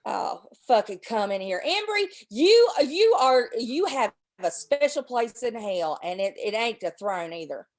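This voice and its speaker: A woman's voice: on the high side, big pitch swings, unhurried, hardly any pauses. A woman hosting a livestream, talking in a heated, profane, rambling way, stuffy with a cold and a sore throat. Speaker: livestream host. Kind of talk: casual chat and angry rant.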